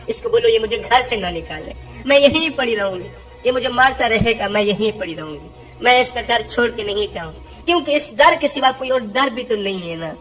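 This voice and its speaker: A woman's voice: a little high, a bit bright, natural voice. A woman voicing a poor, mistreated young wife who tearfully pleads for help.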